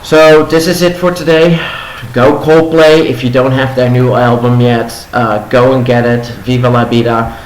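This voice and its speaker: His voice a little low after a concert, a young Dutch-native vlogger runs through the day's news with casual commentary in a steady tone. He stumbles over many ums and restarts, recorded in a roomy Los Angeles home room with faint ambience and slight background noise.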